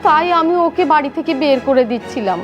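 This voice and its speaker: A woman's voice: high voice, lively intonation, fast, dull audio, soft background music. A woman with a Bangladeshi accent playing a harsh, accusing middle-aged mother-in-law in a melodramatic film, scolding and haranguing. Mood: aggrieved. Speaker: actor. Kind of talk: melodramatic short film acting.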